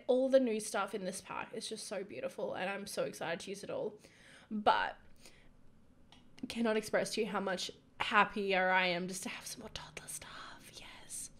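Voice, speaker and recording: Chatty woman narrating a life-sim game. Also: mid-range voice. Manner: chatty, excitable, drifts into whispered asides. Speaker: gaming YouTuber. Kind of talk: casual gameplay commentary.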